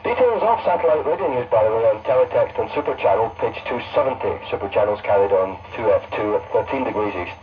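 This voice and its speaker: A presenter on a pirate shortwave radio station broadcasting from Scotland speaks in a lowish, expressive voice, fast and with hardly any pauses. He reads loosely from notes in a casual, unpolished way, and the broadcast sounds tinny and distant.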